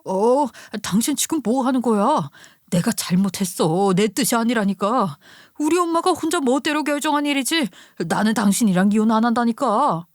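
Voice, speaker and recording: A woman's voice: a little high, animated, normal speed, dry recording, studio quality, close to an everyday voice. A woman voicing a flustered husband who sounds exasperated and pleading. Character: flustered husband caught between wife and mother.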